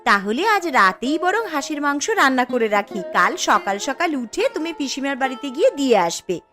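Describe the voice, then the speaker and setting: A woman voicing a wife in a Bengali cartoon, with a sharp, scolding manner. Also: big pitch swings, moderate pace, faint music behind. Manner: sharp, scolding, high-pitched.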